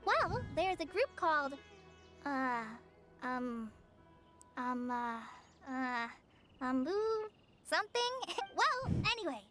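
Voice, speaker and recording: A woman's voice: high voice, big pitch swings, slow pace, full character voice. A woman voicing a shy, kind young female forest ranger in a video game who often hesitates and stammers. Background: game music.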